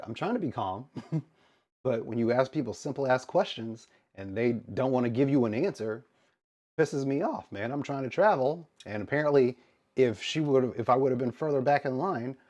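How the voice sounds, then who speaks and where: Low-voiced American man telling a story. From United States. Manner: animated, exasperated retelling with quoted dialogue. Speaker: streamer. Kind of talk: casual storytelling to chat.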